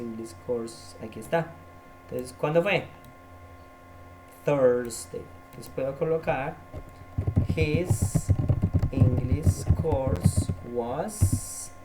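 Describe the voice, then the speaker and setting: Man, patient tutorial teacher, slow and deliberate, drills words by repeating them. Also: mid-range voice, a little mellow, a little hiss or hum. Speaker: English teacher. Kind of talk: recorded tutorial lesson.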